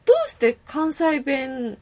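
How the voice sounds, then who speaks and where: A woman's voice: high-pitched, measured pace, a little mellow. A woman from the Kansai region with a Kansai accent, casually chatting as a podcast co-host and laughing easily as she explains. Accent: Kansai Japanese. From Kansai, Japan. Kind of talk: casual chat.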